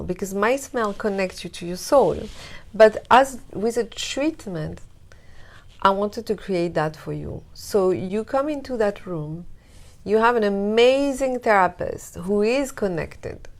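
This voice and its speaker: A Moroccan woman with a mid-range voice speaks slowly and softly, her drawn-out phrases trailing off into breathy endings. She is a guest on an interview, the founder of a wellness brand, and her talk is deliberate and gentle.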